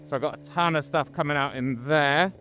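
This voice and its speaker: A man's voice: a little high, a little fast. A British man vlogging casually from a motorbike, rambling informally into a helmet mic as he rides. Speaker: motovlogger. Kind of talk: casual vlog chat while riding. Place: outdoors on a moving motorbike. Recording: noisy helmet mic, engine hum. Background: motorbike engine and road noise.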